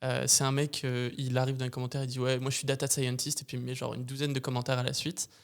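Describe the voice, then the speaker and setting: A man's voice: medium pitch, fast. Slangy, chatty man hosting a podcast. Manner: animated storytelling, slangy, frequent fillers. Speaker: podcast host. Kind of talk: casual chat.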